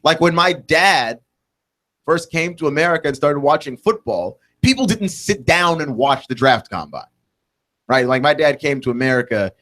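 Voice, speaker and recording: A man's voice: a little high, animated, normal speed, fairly bright tone. Man, 20s, sports radio host; loose, rambling monologue, lots of restarts. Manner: rambling, thinks aloud with many restarts and "like, right?" tags.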